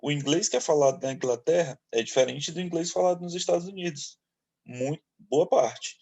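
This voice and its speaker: A man from Brazil teaching an English lesson to eighth graders, explaining slowly and often checking in with his students. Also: on the high side, gravelly, darkish tone, husky. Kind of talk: online class lecture.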